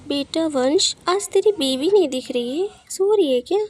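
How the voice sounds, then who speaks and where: A woman's voice: high voice, animated, normal speed, darkish tone. A woman voicing a stern, scolding mother-in-law in a cartoon story. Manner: bossy, scolding.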